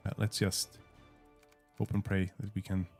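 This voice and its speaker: This game developer's deep, creaky voice is completely flat, unhurried, and darkish in tone. English isn't his first language, and as he casually shows off a strategy game on a livestream he stumbles through many fillers and restarts over soft background music.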